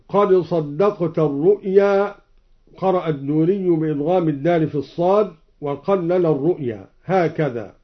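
Slow, measured man on a dull recording. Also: a little high. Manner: measured, formal classical delivery. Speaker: Quran recitation teacher. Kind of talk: explaining recitation variants with chanted examples.

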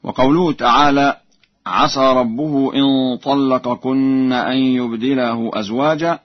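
A man explains Quran reading variants in an unhurried, measured way, breaking into slow chant for each verse. The recording is dry and a little muffled. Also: mid-range voice, fairly even intonation, no echo.

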